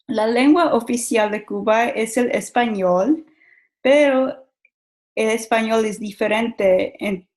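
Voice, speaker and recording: A young woman giving a school presentation, halting often and repeating words as she searches for them. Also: on the high side, a little mellow, rough recording. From Mexico. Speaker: student giving a class presentation.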